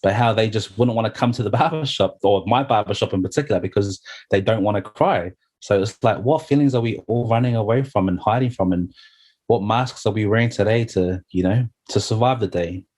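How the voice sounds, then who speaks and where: A man's voice: fairly low pitch, a little fast, a little mellow. A middle-aged man, sharing his story earnestly and heartfelt as an interview guest, often saying "you know". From New Zealand.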